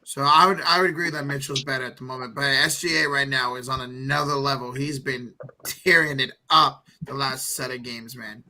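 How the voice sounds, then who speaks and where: A man giving quick, opinionated game breakdowns in a casual live sports chat. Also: mid-range voice, steady tone, bright, forceful tone.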